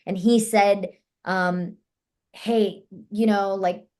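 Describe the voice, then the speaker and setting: An actress and martial artist tells her story in a casual interview, her mid-range voice stretching out words. She's animated and performs the dialogue she quotes.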